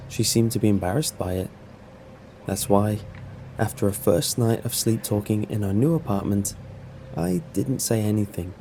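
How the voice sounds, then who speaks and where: A man narrating a scripted first-person story in a measured, serious way. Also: lowish voice, warm tone, a little hiss or hum, poor audio.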